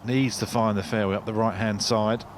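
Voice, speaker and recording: A man with a fairly low voice works as a golf commentator. His remarks are short and analytical, with clear outdoor noise in the background. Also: fairly even intonation, normal speed. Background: outdoor ambience.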